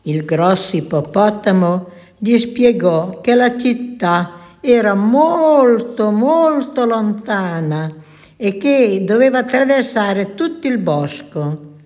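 Slow, gentle nun telling a children's story. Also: female voice, medium pitch, expressive.

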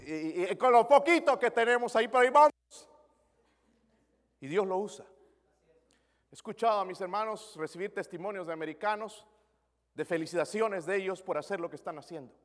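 A man's voice: sits high, brisk, pauses often, big-room sound. A man preaching a sermon as pastor, asking the congregation questions and dropping English words into his Spanish.

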